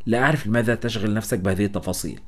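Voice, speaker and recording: A man reading the lines of a calm, dismissive middle-aged veterinarian in an audiobook, matter-of-fact and unhurried in attitude. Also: lowish voice, lightly acted.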